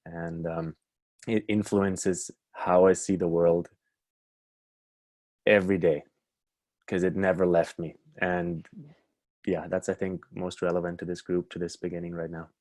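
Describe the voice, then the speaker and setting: A man from Germany introducing himself in a relaxed, casual way. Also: low-pitched, moderate pace, no echo. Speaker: participant. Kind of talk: personal introduction.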